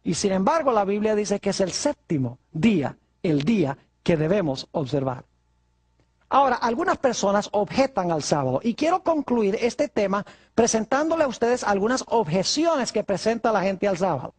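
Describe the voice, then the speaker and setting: A man's voice: high-pitched, very animated, normal speed. A male pastor preaching a sermon, asking his congregation rhetorical questions.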